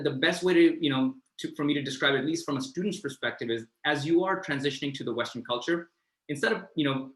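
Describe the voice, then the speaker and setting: A man from Pakistan, a finance mentor answering student questions on a video call, talking in a lively, conversational way and often adding "right?". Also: medium pitch, roomy sound, poor audio. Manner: fast, animated, conversational, lots of "right?" tags.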